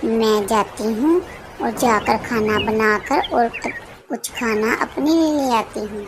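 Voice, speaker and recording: A woman's voice: a little high, noisy background, lightly acted. A woman voicing a scheming female crow in a cartoon, sly and cowardly, begging when caught.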